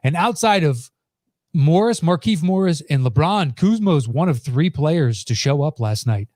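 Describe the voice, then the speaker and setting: Male podcast host, slightly higher pitch, dry sound, conversational and blunt sports talk. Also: lively intonation, moderate pace, a little mellow, no room sound. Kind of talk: casual sports commentary.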